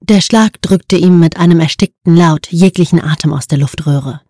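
Low-voiced woman narrating a gritty tale. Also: normal speed, warm tone, no room sound, studio quality. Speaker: audiobook narrator. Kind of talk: scripted narration.

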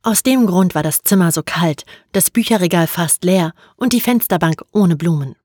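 A woman narrating an audiobook in a calm, even storytelling manner. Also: fairly low pitch, moderate pace, slightly rough, no echo, clean studio sound.

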